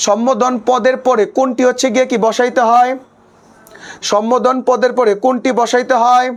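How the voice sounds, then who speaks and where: A man's voice: very high voice, flat delivery, a little fast. A young man with a colloquial Bangladeshi Bengali accent teaching an online exam-prep class, asking questions and answering them himself while repeating a habitual filler phrase.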